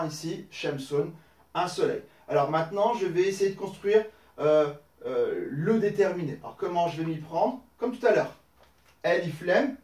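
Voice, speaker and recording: A man's voice: high voice, darkish tone, recorded from a distance. A man teaching a recorded lesson, explaining patiently step by step with many fillers. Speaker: Arabic teacher. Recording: roomy echo, voice from off-mic.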